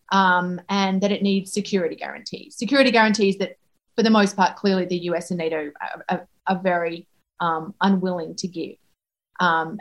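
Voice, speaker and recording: Her voice sits in the mid range as this female foreign correspondent considers each interview question. Frequent pauses and false starts mark her careful answers.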